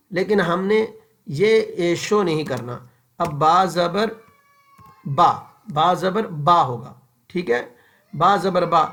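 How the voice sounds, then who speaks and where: A man teaching Quran recitation in an informal tajweed lesson, patiently repeating each example slowly and checking that viewers follow. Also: sits high, a bit bright. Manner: frequent fillers and checks for understanding. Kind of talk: informal tajweed lesson over a screen-shared book.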